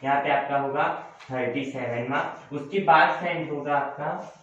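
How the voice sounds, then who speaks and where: Speaking unhurriedly in a medium-pitched, fairly bright voice, the young coach lectures his class, going over points again and fixing his own slips. He calls his students friends. The recording is dull and distant, captured in a very echoey room.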